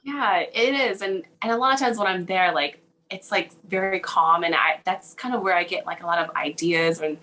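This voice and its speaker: A woman's voice: lowish voice, normal speed, hardly any pauses, bright, forceful tone, rough recording. A young woman, a children's book illustrator from Hawaii who grew up in Southern California, chatting casually in an interview, giggly and full of "like" fillers. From Hawaii, raised in Southern California.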